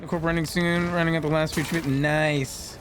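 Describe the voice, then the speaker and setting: A video game streamer, a man with a slightly high voice, gives casual, playful live commentary on his gameplay and chats with viewers at a moderate pace and flat delivery. Game noise and gunfire sound behind him.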